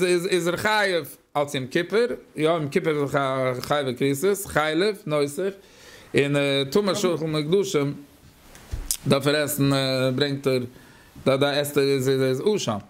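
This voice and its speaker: Teaching Talmud in a slightly high voice, a Yiddish-accented man speaks in halting fashion, with repeated words and lots of filler.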